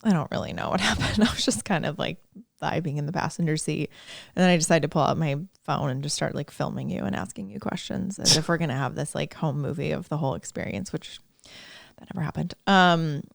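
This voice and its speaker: A woman's voice: low-pitched, a little fast, gravelly, dry recording, clean studio sound. A woman, a podcast host telling a story in casual chat, laughing often and acting out quoted lines. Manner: chatty, laughing, fond of quoted asides.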